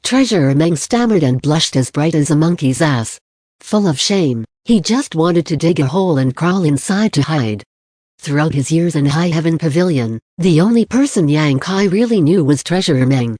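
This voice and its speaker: With clean studio sound and a dry recording, an audiobook narrator reads from a fantasy novel. Pitched at a medium level and moving at normal speed, the storytelling stays steady and plain.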